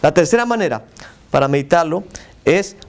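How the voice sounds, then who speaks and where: A man's voice: a little high, lively intonation, normal speed, gravelly, smooth. Emphatic man teaching a church class. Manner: asks the group questions and stresses words for emphasis.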